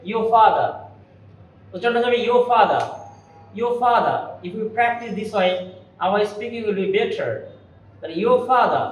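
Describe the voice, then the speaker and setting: Echoey high-voiced male teacher. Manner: repeats example words slowly and deliberately. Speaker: English pronunciation teacher. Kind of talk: classroom-style lesson. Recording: very echoey room, mic at a distance.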